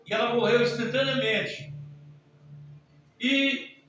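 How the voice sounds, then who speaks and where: High-voiced Brazilian pastor in an echoing church. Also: male voice, measured pace, dull audio, slight background noise. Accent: Brazilian Portuguese. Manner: swings from hushed storytelling to shouted preaching, frequent hallelujahs. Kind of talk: fiery Pentecostal sermon. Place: church sanctuary. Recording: very echoey church from far off.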